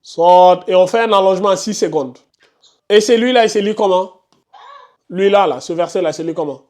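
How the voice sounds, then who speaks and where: A man's voice: high voice, a little fast, darkish tone. A man teaching a live tajwid class, questioning students by name and insisting they concentrate. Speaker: Quran recitation teacher.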